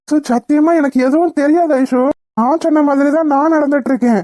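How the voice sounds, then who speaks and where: A woman's voice: high-pitched, fairly quick, warm tone, no echo, lightly acted. Woman voicing an anxious cartoon young man. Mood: defensive. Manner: pleading, defensive, anxious. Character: young man hiding from his wedding, worried and defensive. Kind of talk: Tamil cartoon voice acting.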